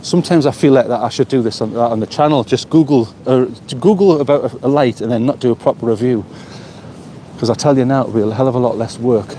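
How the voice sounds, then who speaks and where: This one's warm in tone, mid-range and fast: a man from the North East of England chatting away to livestream viewers while walking a seaside pier. Talkative and rambling, he repeats words as he thinks, recorded on a small phone mic with a touch of hiss or hum.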